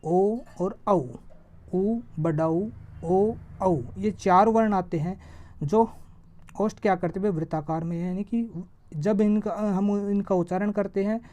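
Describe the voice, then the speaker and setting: A woman teaching an exam-prep grammar lesson. She asks a question and answers it herself, and she draws vowel sounds out slowly to show them. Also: medium pitch, warm tone. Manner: stretches vowels slowly when demonstrating sounds.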